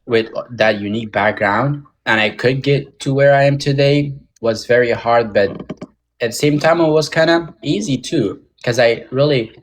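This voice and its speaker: Born in Moscow and Tajik American, a young man who grew up outside the English-speaking world appears as a podcast guest. In casual interview talk, his mid-range voice is halting, full of fillers and restarts.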